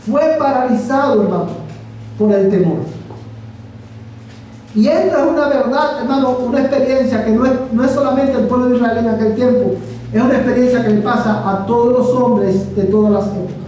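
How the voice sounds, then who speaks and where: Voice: mid-range voice, brisk, mellow, a little hiss or hum. A preacher delivering a Spanish sermon, emphatic, asking the congregation rhetorical questions and calling them brother. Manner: addresses listeners as brother. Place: church sanctuary. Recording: echoey sanctuary, mic from far off.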